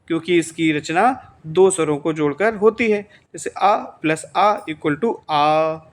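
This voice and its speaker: A male teacher giving an exam-prep grammar lesson, who asks the class questions, answers them himself and repeats the key points. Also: high voice.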